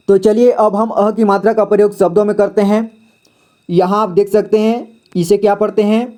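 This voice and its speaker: A man teaching children to read Hindi, slowly reading each word twice and asking then answering his own questions in a patient way. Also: high-pitched, warm tone. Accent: Indian Hindi. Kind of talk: slow phonics lesson, reading words aloud.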